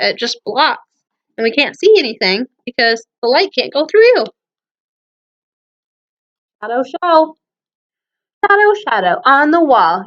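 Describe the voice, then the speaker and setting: Reading poems to children, a woman teacher with a high, slightly bright voice explains things and often asks her young listeners questions. The recording is muffled.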